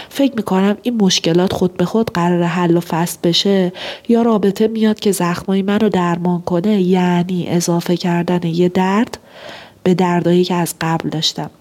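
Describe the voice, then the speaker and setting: A woman's voice: fairly low pitch, a little mellow. A woman giving relationship advice, explaining principles and telling an example story.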